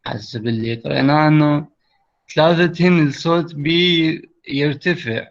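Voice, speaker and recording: A man's voice: on the high side, normal speed. A man with an Iraqi accent teaching a class over a video call, explaining step by step and checking that his students follow. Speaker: English teacher. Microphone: computer mic on a video call. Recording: lo-fi online call audio.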